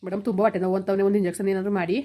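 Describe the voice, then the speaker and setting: A woman playing a poor, worried village father who pleads rapidly with the doctor and snaps at his wife in an amateur skit. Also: mid-range voice, little pitch movement, mellow, natural voice.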